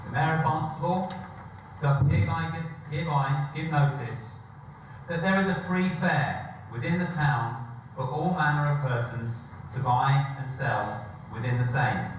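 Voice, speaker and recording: A man's voice: a little high, unhurried, noisy background. A man reading a formal proclamation in a town crier's stately, declamatory manner, heard from far off in an echoey room. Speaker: official reading the Mayor's proclamation. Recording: echoey hall from far off, dull.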